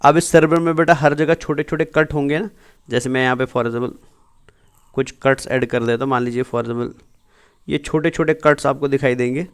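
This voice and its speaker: Smooth-voiced man teaching biology. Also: medium pitch, steady tone, moderate pace. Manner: keeps asking and answering his own questions, calls students "beta"; mixes English terms and sentences into his Hindi. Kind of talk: exam-prep lecture over slides.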